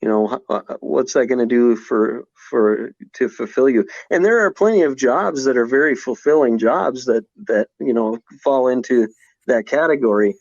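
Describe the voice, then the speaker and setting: A man's voice: mid-range voice, normal speed, darkish tone, dry recording. A man in his forties, a podcast guest in casual conversation, talking reflectively with many restarts and fillers. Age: 40s. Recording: slightly dull podcast audio.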